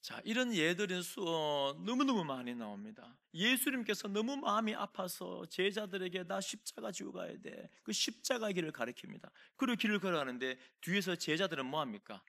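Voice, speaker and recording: A man's voice: sits high, a little fast, hardly any pauses. A middle-aged man preaching a Sunday sermon as pastor, telling stories with acted-out quoted voices. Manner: animated storytelling, acts out quoted voices. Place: church sanctuary.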